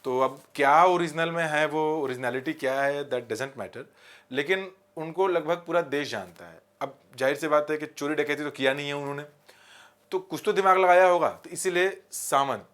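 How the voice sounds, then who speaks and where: A man teaching vocabulary with memory tricks, asking rhetorical questions and repeating key words slowly. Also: on the high side, a bit bright. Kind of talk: vocabulary lesson with mnemonics.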